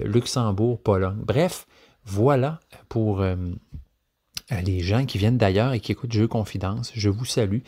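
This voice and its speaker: A man's voice: on the low side, darkish tone. A man with a Québécois French accent hosting a podcast, talking casually with many hesitant fillers and restarts. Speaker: podcast host.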